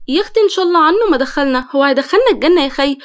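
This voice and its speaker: A woman voicing a sharp-tongued, careless young female student with cheeky back-talk, in an Egyptian Arabic accent. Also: high-pitched, lively intonation, racing. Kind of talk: storytelling.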